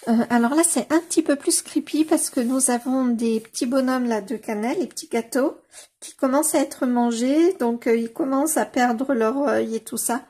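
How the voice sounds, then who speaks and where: A woman casually leafing through a coloring book on camera, gushing over the pages with many fillers and slowly sounding out titles. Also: sits high, dark tone, breathy edge. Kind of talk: casual flip-through commentary.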